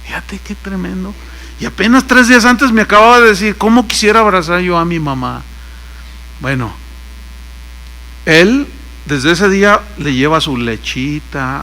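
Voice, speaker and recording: An older man preaches a sermon in a high, bright voice. He tells stories and acts out the lines of the people in them. A faint mains hum sits under the recording. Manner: storytelling, acts out quoted lines. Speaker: pastor.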